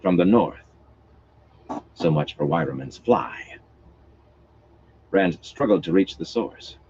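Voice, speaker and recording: A man reading a fantasy novel aloud as expressive, steady storytelling. His voice sits very low yet moves through a lively melody. The sound is dull and lo-fi, with a faint hiss behind it. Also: slow pace. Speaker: audiobook reader.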